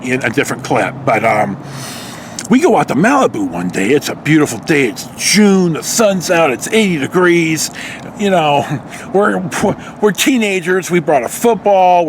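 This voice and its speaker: The recording carries a little hiss or hum as an American vlogger, a man in his early sixties with a voice on the high side, spins a casual personal story for the camera. His telling wanders, and his language is salty.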